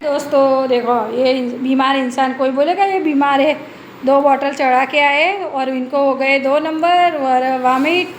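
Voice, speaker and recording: A woman's voice: high voice, a little slow, noisy background. Chatty woman vlogging at home. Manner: chatty, narrating daily chores and talking to her pet. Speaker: family vlogger. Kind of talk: casual home vlog narration.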